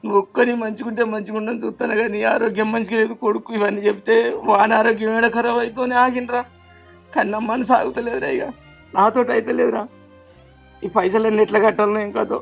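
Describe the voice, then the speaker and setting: A man playing a worn, anguished older father with a Telangana Telugu accent. His voice sits very high for a man and rasps with gravel. He pours out quick, pleading laments in a family drama with soft music underneath. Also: little pitch movement. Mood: grieving. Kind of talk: family web drama acting.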